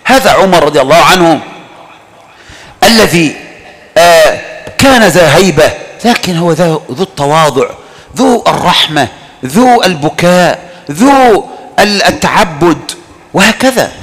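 A man's voice: fairly high pitch, animated, unhurried, pauses often, a bit bright. A man preaching a sermon, fervent and pleading, drawing out his words for emphasis. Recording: long hall reverb.

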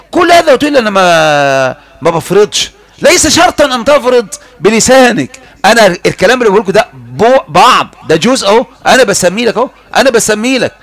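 A man with an Egyptian accent giving a heated religious lecture, mocking and animated, swinging between loud outbursts and hushed asides. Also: high-pitched, vocal fry. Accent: Egyptian Arabic.

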